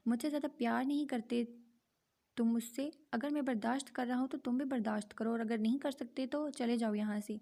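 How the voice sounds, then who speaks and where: A woman's voice: on the high side, steady tone, mellow. A woman voicing a furious, possessive young husband who threatens harshly.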